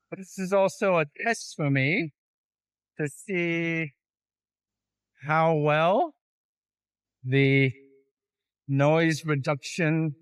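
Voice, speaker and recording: A man's easygoing vlog greeting, run through a voice changer that piles on extra bass. He talks slowly and smoothly, and the recording sounds dry and close. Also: a bit bright, no room sound, poor audio. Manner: easygoing, unhurried talk. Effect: bass-boosting voice changer filter. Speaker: vlogger. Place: outdoors on a walk by a road.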